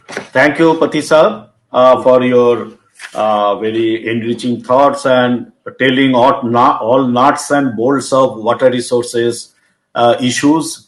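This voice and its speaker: A man moderating a webinar, introducing speakers with halting pauses. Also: mid-range voice, low-quality recording. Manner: halting, stumbles over names. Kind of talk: formal introductions.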